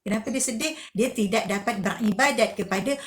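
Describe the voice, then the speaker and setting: A woman's voice: mid-range voice, a little fast. A woman gives a religious lesson to children. She asks questions, answers them herself and repeats key phrases. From Malaysia. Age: 50s. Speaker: religious teacher.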